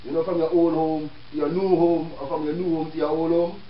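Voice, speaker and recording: A man's voice: a little high, little pitch movement, fairly quick. A man with a Jamaican accent lectures informally in Rastafarian speech, preaching and reasoning with rhetorical questions as a show host. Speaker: self-help show host. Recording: echoey room, distant mic, dull with hiss.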